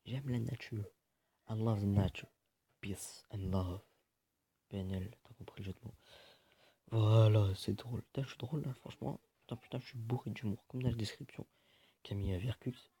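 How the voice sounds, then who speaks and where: A man's voice: lowish voice, steady tone, a little fast, dark tone, husky, no room sound. A man giving casual, joking gameplay commentary, swearing often and muttering to himself. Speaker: gaming video host.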